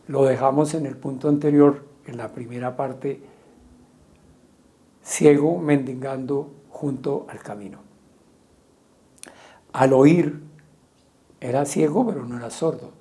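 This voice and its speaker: A man preaching a sermon as pastor, asking repeated rhetorical questions and loudly acting out quoted cries. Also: medium pitch, slow, long pauses. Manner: rhetorical questions, dramatic quoting of shouts.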